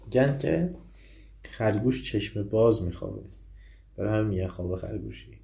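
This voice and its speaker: A man with a low, mellow voice gives a lesson on classical poetry. He chants each verse slowly, then breaks it down in quick, everyday talk. His delivery moves easily between recitation and explanation. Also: creaky.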